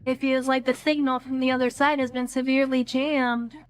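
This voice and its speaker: High-voiced woman reading game text. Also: flat delivery, brisk, clean tone, faint music behind. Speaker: let's play streamer.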